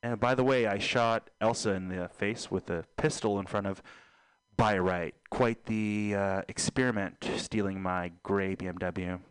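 A young man hosting a casual podcast, talking in a deadpan, absurd joking way with trailing fillers. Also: on the low side, measured pace, clear, resonant tone, no echo. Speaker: podcast host.

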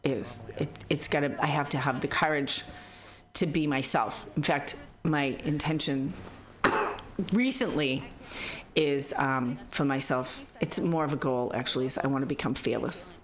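Low-pitched Boston-accented woman, candid and earnest. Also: unhurried. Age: 50s. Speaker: interview guest, psychologist and spiritual teacher. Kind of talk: conversational, reflective interview talk.

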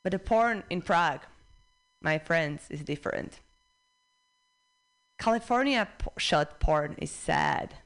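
A young Czech woman delivers a stand-up set on a club stage, her accent plain in every line. Her voice sits on the low side, and she drops punchlines in a dry, deadpan way with small pauses. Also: vocal fry. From Czech Republic. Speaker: stand-up comedian.

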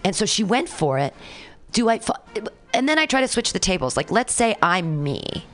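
A woman's voice: mid-range voice, sing-song, moderate pace, fairly bright tone, soft background music. A woman in her forties chatting casually as a co-host, frank and crude, joking as she talks. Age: 40s. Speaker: podcast co-host. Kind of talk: casual chat.

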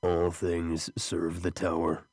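A man voicing a menacing inhuman creature in a yellow coat, with a buzzing voice and slow, cold, measured speech. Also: low voice, completely flat delivery, dry recording, heavily acted. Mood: cold menace.

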